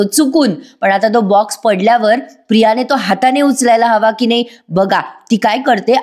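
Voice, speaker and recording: A woman's voice: medium pitch, darkish tone. Female serial reviewer, casual and chatty, talks straight to viewers. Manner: chatty, addresses viewers directly. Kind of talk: casual voice-over episode review.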